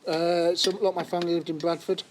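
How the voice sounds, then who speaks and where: A man's voice: on the high side, flat delivery, quick pace, rough recording. Male podcast host, rambly, full of ums, outdoors, faint background hum. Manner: rambling, hesitant with many fillers. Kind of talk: casual chat. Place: workshop, outdoors in the sun. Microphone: clip-on mic.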